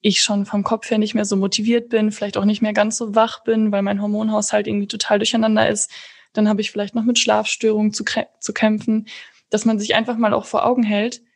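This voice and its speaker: A woman's voice: mid-range voice, level tone, a little fast, creaky. A woman hosting a podcast, talking casually in long, chained thoughts. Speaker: podcast host. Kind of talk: casual conversational podcast talk.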